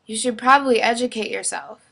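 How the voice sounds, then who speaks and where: A woman's voice: fairly high pitch, a little fast, creaky, fairly bright tone. A woman vlogger giving an earnest explanation, asking pointed questions. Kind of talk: explanatory commentary to camera.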